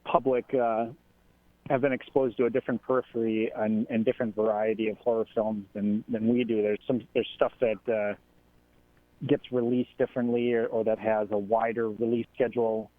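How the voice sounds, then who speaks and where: A man calls in to a radio chat over a tinny, phone-thin line, and the connection makes his voice warble and echo as though he were speaking from inside a fishbowl. He talks in a halting way, stopping often to search for words. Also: on the low side, little pitch movement. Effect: warbling, echoey phone line, like talking inside a fishbowl. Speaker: call-in guest.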